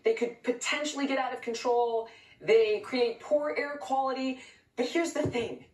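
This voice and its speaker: A woman from California speaking as a guest in a heated interview, outraged and emphatic, firing off points rapidly. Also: high voice, echoey room, recorded from a distance, poor audio.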